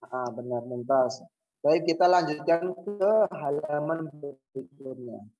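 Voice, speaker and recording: A man's voice: fairly high pitch, slow pace, dark tone, dull audio, soft background music. A male teacher giving a language lesson, patiently drilling words and asking the class questions he then answers himself. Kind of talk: classroom lesson, reading words aloud for students to repeat.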